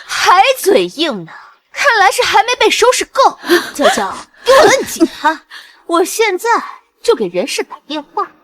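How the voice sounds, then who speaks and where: A sneering, cruel young mistress. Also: female voice, huge pitch swings, measured pace, fairly bright tone, exaggerated voice. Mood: cruel, shouting. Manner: sneering, taunting, shrill. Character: arrogant cruel young mistress, scheming and spiteful. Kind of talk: short drama acting.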